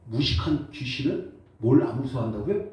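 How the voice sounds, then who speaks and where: Lively pastor preaching in an echoey hall. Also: male voice, mid-range voice, a little fast. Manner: lively, jokes and calls for congregation responses. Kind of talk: sermon. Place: church sanctuary. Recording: echoey church hall, voice from far off.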